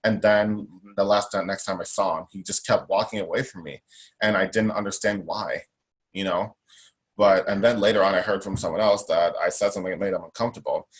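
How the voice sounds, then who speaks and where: A young man sits in as an interview guest, speaking a little fast in a low voice with fairly even intonation. Strong-voiced and outspoken, he presses his points emphatically and repeats them as a self-advocate.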